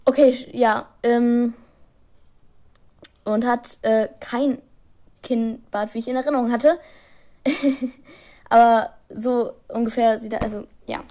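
A teenage girl talks casually into her podcast mic while pacing around, full of fillers and little restarts. Her voice sits a little high yet sounds soft and dark. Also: steady tone, slow pace, long pauses. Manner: chatty, rambling, with many fillers and laughs; walks around while recording. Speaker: podcast host. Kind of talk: casual chat.

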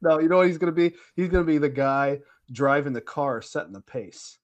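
A man co-hosting a podcast, chatting casually with many ums, trailing off softly. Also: a little high, fairly quick, lo-fi sound. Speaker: podcast co-host. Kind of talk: casual chat.

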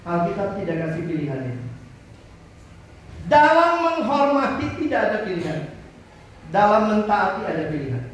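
A man preaching a lively sermon, his high voice acting out the people he quotes. He is heard from a distance in a very echoey hall, with faint ambience behind him. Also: moderate pace, long pauses, slight background noise. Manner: animated, acts out quoted voices. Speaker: campus preacher.

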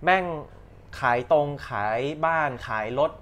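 A man's voice: a little high, animated, slow, fairly bright tone, clean tone. A man chatting casually, candid and slangy. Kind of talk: casual chat.

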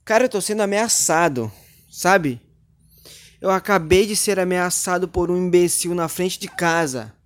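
A young man hosting his own podcast, telling an angry story in an indignant, swearing rant that climbs toward shouting. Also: high-pitched, measured pace. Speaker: podcast host. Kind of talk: angry ranting monologue.

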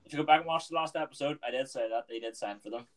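A man with a Northern Irish accent from Belfast talks very quickly in casual football chat. His pitch sits in the middle of the male range, and he sounds like a podcast co-host.

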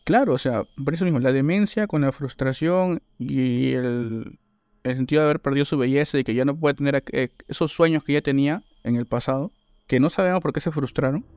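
A man's voice: mid-range voice, no echo. A man chatting casually about a horror film, rambling with frequent restarts. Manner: relaxed, rambling, hesitant restarts. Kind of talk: casual film review chat.

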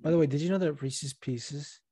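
A man hosting a casual podcast, rambling loosely and swearing freely. His voice sits a little high and sounds dry and close to the mic. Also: moderate pace, dark tone, slightly rough, dry recording. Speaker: podcast host.

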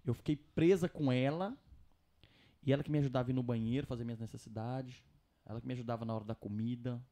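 A young Brazilian man, telling his story casually on a podcast in a slangy, animated way. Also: medium pitch, fast.

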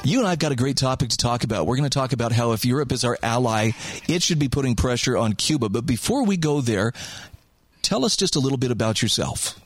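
A man's voice: mid-range voice, expressive, fast talker, dry recording. A man hosting a podcast interview, asking questions in a friendly, conversational way. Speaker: podcast host.

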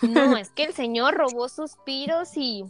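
A young woman co-hosting a podcast, telling a story in a casual, animated and dramatic way. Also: high voice, measured pace, soft background music. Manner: excitable, animated, dramatic retelling with laughs. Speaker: podcast co-host. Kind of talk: casual chat, personal storytelling.

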